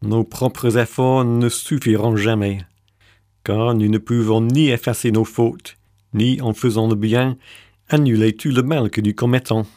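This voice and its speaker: A man's voice: mid-range voice, steady tone, measured pace, warm tone, no room sound, clean studio sound. Composed male host reading a script. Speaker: radio show host. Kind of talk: scripted narration.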